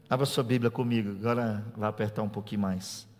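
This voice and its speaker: A man from Brazil preaching a teaching sermon as a pastor. He jokes with the congregation in a conversational way, then climbs to loud preaching peaks. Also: lowish voice, moderate pace. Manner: animated, swings from soft asides to loud preaching peaks. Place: church. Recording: long reverb of a church hall.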